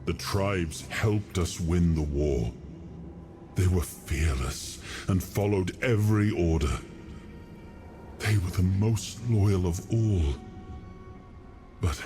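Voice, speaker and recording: A man playing a grave, regretful king in a fantasy video game, speaking in a solemn, measured way. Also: low-pitched. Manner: slow, solemn, measured delivery. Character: grave, regretful King Arthur, stern ruler burdened by past decisions.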